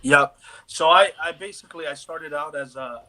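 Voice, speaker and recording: A man being interviewed over a video call tells his life story in a loose, casual way. His voice is a little higher than most men's and bright in tone. He is from Miami. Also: normal speed, rough recording. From Miami, USA. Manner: easygoing storyteller, uses "bro" and "dude". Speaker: guest actor.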